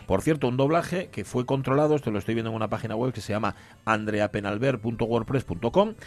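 A man's voice: mid-range voice, fast talker. A man hosting a radio show, chatting casually, joking and reading out listener messages. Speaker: radio host.

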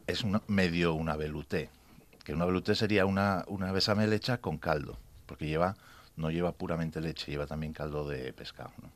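Very deep-voiced man explaining cooking. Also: slight background noise. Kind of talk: casual radio chat.

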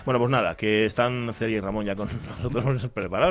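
Man, radio host, rapid talk, playful. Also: on the low side, fairly even intonation. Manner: chatty, playful, jokes with guests. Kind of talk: casual radio chat.

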